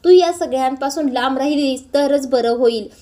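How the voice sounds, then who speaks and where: A woman voicing an angry, stern grown man who scolds the people around him, in her own high voice. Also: normal speed, warm tone, close to an everyday voice. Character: angry, upset grown man, head of house.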